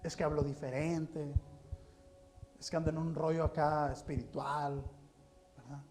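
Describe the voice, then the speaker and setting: A man with a Mexican accent preaching a sermon in a church, animated and full of rhetorical questions and joking asides. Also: fairly high pitch, measured pace, faint music behind. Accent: Mexican Spanish.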